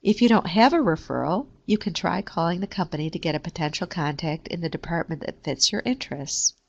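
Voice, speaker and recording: A woman reading a scripted careers lesson in a steady, measured way. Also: on the low side, creaky, breathy edge, highs cut off. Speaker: career services presenter. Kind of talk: scripted instructional narration.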